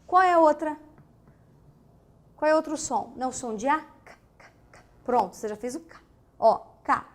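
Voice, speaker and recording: A woman's voice: sits high, animated. A woman teacher with a Brazilian Portuguese accent, giving a lesson on phonetics, asking her students questions and counting letters aloud. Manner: asks the class questions and counts aloud slowly; sounds out letter sounds in short breathy bursts. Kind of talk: classroom lesson explaining phonetics.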